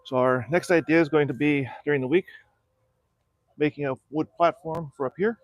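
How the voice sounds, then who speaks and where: A middle-aged man from South Florida, hosting a casual livestream from his backyard and explaining, in a relaxed and practical way, how he is restoring a small boat. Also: fairly high pitch, moderate pace, dry recording, dull audio. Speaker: channel host restoring a boat. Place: backyard outdoors.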